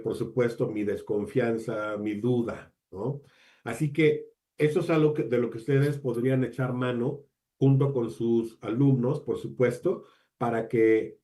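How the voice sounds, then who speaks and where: A man presenting an online training talk for teachers, measured and addressing the audience directly with questions. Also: mid-range voice, dark tone. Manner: measured, uses deliberate pauses, asks the audience questions.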